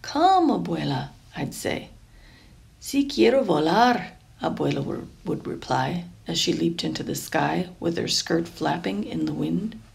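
A woman reading a children's picture book aloud in an expressive, deliberate storytelling way, lingering over phrases. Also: on the low side, vocal fry. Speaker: storybook reader.

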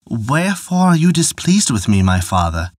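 A man voicing a dutiful young goddess who weaves, speaking softly and calmly in a told folktale. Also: medium pitch, normal speed, dry recording, clean studio sound. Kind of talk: storybook narration.

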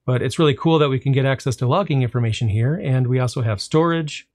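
Walking through a server dashboard in a screen-recorded software tutorial, a man with a medium-pitched voice explains things in a laid-back manner. As the host, he stretches out a "well" before his punchlines.

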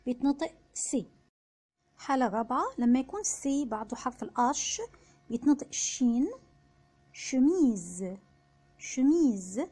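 A woman with an Egyptian Arabic accent giving an online French pronunciation lesson, patiently repeating each example word slowly. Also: fairly high pitch, darkish tone. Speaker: French teacher.

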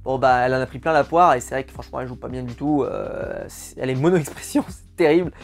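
A man's voice: mid-range voice, fast, vocal fry. A man giving a casual, exasperated spoken film review, often repeating words for emphasis. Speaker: film critic.

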